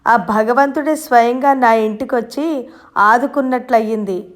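A fond, fretful grandmother from a storybook, over sixty, with a soothing, affectionate way of speaking, put on lightly by a woman narrator. Her voice sits fairly high and moves slowly. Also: close to an everyday voice.

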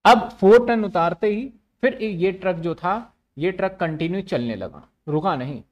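In an online classroom lecture, a commerce teacher repeats phrases often and asks questions only to answer them himself. His voice sits high with lively intonation, unhurried and a little mellow, with the highs cut off.

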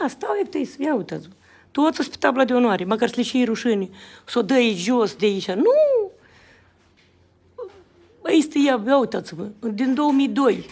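A woman's voice: medium pitch, gravelly, a little mellow, slightly rough. A middle-aged woman filming on her phone, speaking outraged and repetitive to her viewers. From Moldova. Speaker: citizen activist filming. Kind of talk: indignant video address to viewers.

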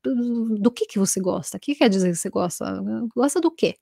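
A woman's voice: on the high side, lively intonation, brisk, creaky, mellow, no room sound, clean studio sound. A woman from Italy, a native Italian speaker, teaching a chatty live lesson and acting out quoted dialogue.

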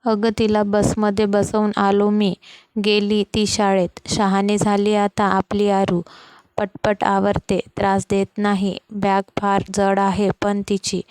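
A woman's voice: medium pitch, completely flat delivery, slow pace, a little mellow, clean tone, dry recording, lightly acted. A woman voicing a grumbling, doting grandfather in a storybook reading. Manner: grumbling, fond.

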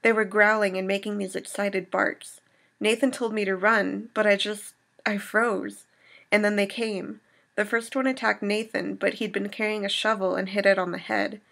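A woman reading aloud as a shaken young woman survivor recounting an attack, in a steady storytelling manner. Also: mid-range voice, moderate pace, gravelly. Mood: grieving.

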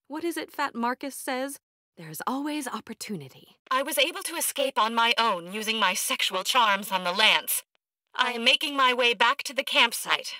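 Patricia Tannis, haughty high-voiced scientist. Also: female voice, dry recording. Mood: regretful, bitter. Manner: clipped, haughty, deadpan, precise diction. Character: eccentric, arrogant woman scientist, blunt and socially awkward. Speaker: video game character. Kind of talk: video game voice acting.

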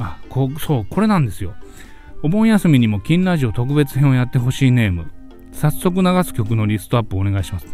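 A man's voice: lowish voice, dark tone. A man with a Kansai accent hosting his own comedy radio show, talking in a laid-back, chuckling way and reading listener submissions. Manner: laid-back, chuckling, polite sign-offs. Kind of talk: solo comedy radio talk.

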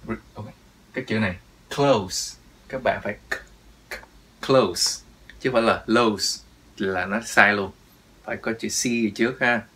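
A man teaches English pronunciation, drilling each word and repeating it with stress. His voice is bright and somewhat low, and he speaks at an unhurried pace. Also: breathy edge. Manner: drills words, repeats them with emphasis. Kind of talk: pronunciation lesson.

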